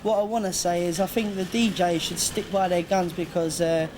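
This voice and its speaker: Hesitant DJ on noisy tape. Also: male voice, sits high, normal speed. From London, England. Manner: hesitant, filler-heavy, earnest. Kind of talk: casual interview chat. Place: airport. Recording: noisy location recording.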